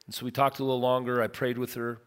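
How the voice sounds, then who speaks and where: A middle-aged man, a pastor, preaching a casual, earnest sermon and telling stories, now and then breaking into loud bursts. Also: mid-range voice, flat delivery, fast talker, smooth. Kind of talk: conversational sermon. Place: large church auditorium. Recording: long hall reverb from a big sanctuary.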